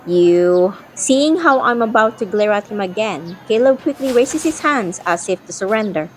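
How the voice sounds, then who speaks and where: A woman's voice: medium pitch, expressive, moderate pace, a little hiss or hum, lightly acted, low-quality recording. A woman playing a guarded, feisty young woman, narrating an audio drama in the first person and voicing her dialogue. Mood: defiant. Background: background music.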